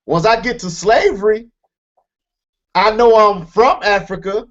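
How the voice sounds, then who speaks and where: A man's voice: sits high, unhurried, a bit bright, dull audio. A man co-hosting a podcast, talking earnestly and emphatically in casual chat, circling back with restarts. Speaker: podcast co-host.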